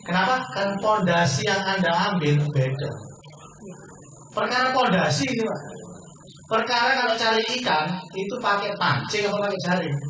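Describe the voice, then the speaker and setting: A man giving a persuasive business sales pitch to a seminar audience, asking questions and answering them himself. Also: pushed and bright. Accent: Indonesian. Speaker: business presenter. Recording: echoey room from far off, faint noise.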